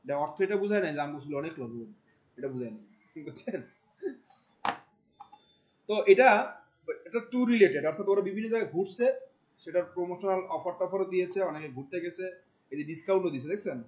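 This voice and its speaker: A man, teaching a class. He talks in a colloquial, animated way, firing questions at the students. He drops English terms into his explanations. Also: high voice, fast talker, pauses often, low-quality recording. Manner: questions the class often, mixing in English words. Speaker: marketing instructor. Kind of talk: classroom lecture.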